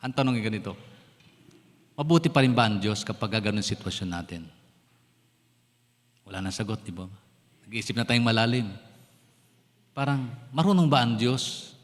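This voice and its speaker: A man's voice: lowish voice, expressive, moderate pace, long pauses. A man with a Filipino accent, a pastor preaching a sermon in Tagalog mixed with English, who keeps asking his congregation questions. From Philippines. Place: church sanctuary. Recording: long church-hall reverb.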